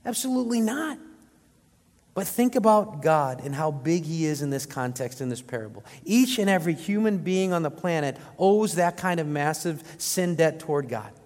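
A male pastor preaches a sermon to his congregation, often putting rhetorical questions to them. His voice sits a little high with a darkish tone, and the recording carries the long reverb of a large hall.

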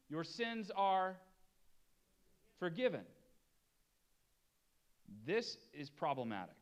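A middle-aged man delivers a sermon in a lively, swooping voice that sits slightly high for a man. He slows down and leans hard on key words, then hurries through the asides to his listeners. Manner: animated preaching, drawn-out emphasis on key words. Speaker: pastor.

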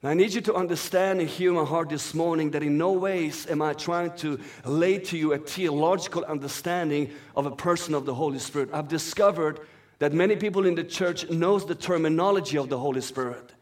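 Here an Iranian-born man raised in Sweden, a native Farsi speaker, gives a guest sermon and reads scripture earnestly and fluently. His voice is a little high and fairly quick.

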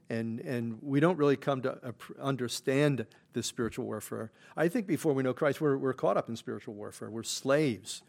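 A man preaching a midweek Bible study as pastor, talking in a loose conversational way with many fillers and restarts, and growing louder when he reads verses aloud. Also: mid-range voice, creaky. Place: church.

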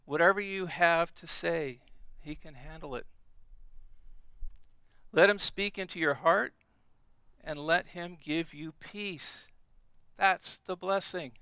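A man's voice: high-pitched, takes it slowly, sharp tone, clear, resonant tone, no room sound, poor audio. A middle-aged man preaching a sermon, earnest and emphatic, repeating key phrases.

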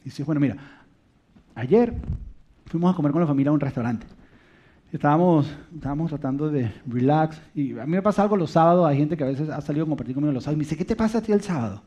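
A man in his thirties or forties preaching a sermon, telling family stories in an animated way and dropping to a soft, quiet voice to stress a point. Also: fairly high pitch, quick pace. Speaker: pastor. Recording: dull lo-fi recording.

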